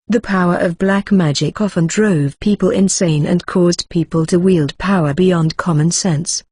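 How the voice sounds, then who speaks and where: A synthetic-sounding voice reading a fantasy novel as the narrator, in an even, steady delivery. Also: medium pitch, husky, dry recording, clean studio sound. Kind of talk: scripted audiobook narration.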